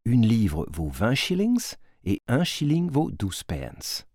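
A man narrating a storybook in an expressive, varied way with a husky voice. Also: medium pitch, takes it slowly, no room sound, studio quality.

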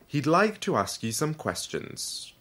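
Man voicing jovial hotel manager, husky, slow, lively. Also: on the high side, pitched above the performer's own voice, full character voice. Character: cheerful male hotel manager.

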